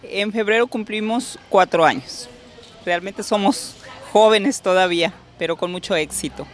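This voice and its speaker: A middle-aged woman who owns a restaurant proudly gives a tour, explaining the dishes into a handheld mic at a normal speed in a medium-pitched voice. It's part interview, part guided tour, set in a restaurant that's partly outdoors.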